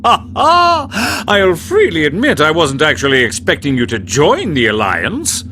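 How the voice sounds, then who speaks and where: An actor playing a flamboyant gentleman thief in a video game, smug and teasing, with florid, theatrical phrasing. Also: a little high, huge pitch swings, a little slow, slight background noise, exaggerated voice. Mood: amused, theatrical.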